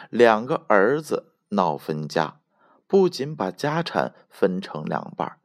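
A man with a deep, low voice reads a bedtime story aloud to children. He takes it slowly and gently, and his pitch rises and falls in a lively, sing-song way. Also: no room sound, clean studio sound.

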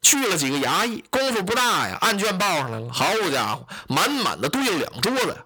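A man telling a traditional story in a lively, colloquial, animated way. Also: sits high, brisk, a little hiss or hum.

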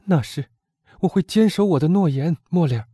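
A man's voice: on the high side, animated, normal speed, dark tone, breathy edge, no echo, studio quality. A man voicing a young woman in despair who pleads with her beloved, in an anguished, imploring audiobook reading. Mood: hushed.

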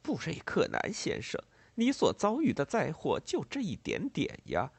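A man softly playing a dignified, weary widow. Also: fairly high pitch, huge pitch swings, normal speed, gravelly, husky, dry recording, voice pushed up, exaggerated voice. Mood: restrained. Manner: quiet, restrained, cool.

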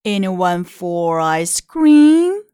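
A woman voicing a sly male wolf who coaxes slowly and in a low voice at the door of a storybook house. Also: big pitch swings, dark tone, smooth, dry recording, studio quality, full character voice. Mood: sly coaxing.

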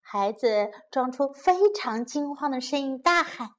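A woman teacher telling a children's story in a gentle, slow, clearly enunciated reading style, switching between two languages line by line. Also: high-pitched, expressive.

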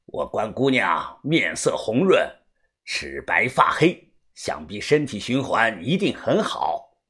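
A storyteller voicing a cocky, crude male martial arts master who drawls slowly and mockingly. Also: medium pitch, big pitch swings, fairly bright tone, slightly rough, pitched below the performer's own voice, exaggerated voice. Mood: sly.

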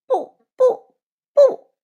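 A woman voicing a stubborn, bratty little boy crow who shouts and sulks in a shrill voice. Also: normal speed, highs cut off, natural voice. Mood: defiant shouting.

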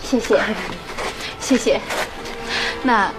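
An actress playing a humble, courteous visitor in a period TV drama, polite and deferential. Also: female voice, fairly high pitch, drawn-out words, loud music behind the voice, low-quality recording. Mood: grateful.

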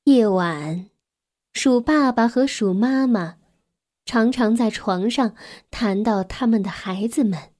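A woman narrating a bedtime story for children in a gentle, soft way, sometimes dropping to a whisper. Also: on the high side, slow pace.

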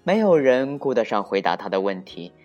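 A storyteller reading a children's picture book aloud in a slow, expressive way. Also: mid-range voice, dull audio, faint music behind.

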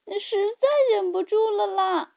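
A woman's voice: extremely high pitch, little pitch movement, unhurried, creaky, voice pushed up, full character voice. A woman voicing a little cat-fish creature, childlike and squealing, in a children's storybook. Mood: scared. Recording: tinny phone-like sound.

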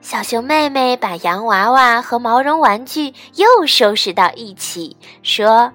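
A woman reading a children's storybook aloud in an expressive, clear way. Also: a little high, unhurried, dry recording, soft background music.

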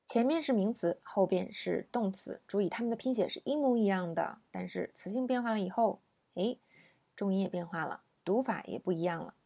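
A woman teaching English pronunciation in a patient, explanatory way, pausing often with fillers. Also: medium pitch, expressive, gravelly, mellow. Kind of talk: explanatory language lesson.

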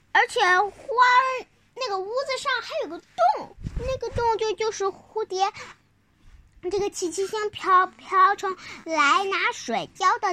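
A child telling a picture-book story informally, halting, repeating words and asking the listener questions. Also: very high voice, bright, forceful tone.

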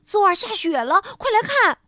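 A woman's voice: high voice, sing-song, moderate pace, fairly bright tone, no room sound, clean studio sound. A woman voicing a cheerful, eager young rabbit who talks insistently.

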